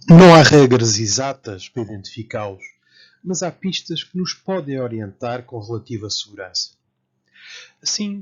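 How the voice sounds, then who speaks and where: A man from Portugal with a European Portuguese accent, giving a careful, slow lecture as a Latin teacher. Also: medium pitch. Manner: slow, careful, spells out word forms. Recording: dull lo-fi sound.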